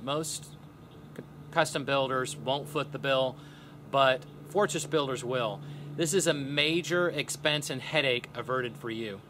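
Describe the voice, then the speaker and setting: A man, a real estate team leader giving a scripted update to camera outdoors by a pond, upbeat and lifting his pitch on key points. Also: background noise.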